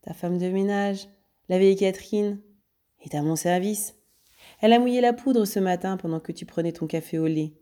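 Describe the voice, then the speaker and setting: A woman voicing a sly, taunting gentleman thief, a grown man who mocks his rival while she reads a storybook aloud. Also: medium pitch, normal speed, lightly acted. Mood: smug. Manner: taunting, teasing, condescending.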